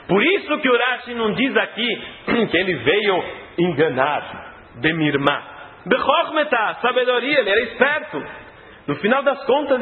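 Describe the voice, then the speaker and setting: A male religious teacher tells the story in an animated way, acting out each scene and clearing his throat now and then. His voice sits high and comes through a narrow, phone-like band. It echoes around a hall with a long reverb. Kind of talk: Torah lesson storytelling.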